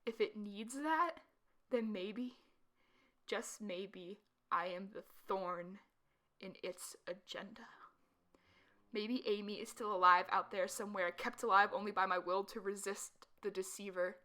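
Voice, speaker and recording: A woman playing a blinded, paranoid and defiant asylum patient, narrating a horror story with hushed, creeping intensity. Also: medium pitch, moderate pace, lightly acted. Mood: hushed, wary resolve. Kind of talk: dramatic horror story narration in first person.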